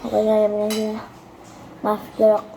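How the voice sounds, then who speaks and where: A woman does a casual mukbang, talking to viewers as she eats. She is recorded at home without a proper microphone, with clear household noise and clinking dishes behind her. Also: mid-range voice, monotone, a little fast. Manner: talking while eating. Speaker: mukbang vlogger. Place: busy home with many people. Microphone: built-in device mic, no separate microphone. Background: household noise, clinking cutlery and dishes.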